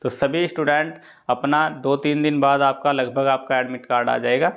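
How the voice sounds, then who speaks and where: A man addresses students with a mid-range voice that is fairly bright, keeping an even tone and a moderate pace. His delivery is casual and instructive, much like a coach giving a presentation. He goes over key points more than once and frequently checks that his listeners are with him.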